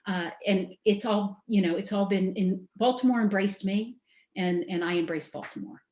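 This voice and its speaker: A woman's voice: mid-range voice, moderate pace, warm tone. A woman with a mild Southern American accent, a company president chatting as a guest in an interview, talking in a loose, self-correcting way with fillers. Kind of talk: casual interview chat. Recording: dull, roomy podcast recording.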